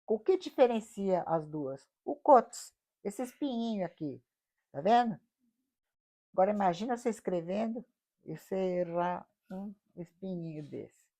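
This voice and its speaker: A woman's voice: mid-range voice, animated, unhurried, mellow. A middle-aged woman with a Brazilian Portuguese accent teaching a Bible study lesson, explaining patiently and often asking her listeners rhetorical questions.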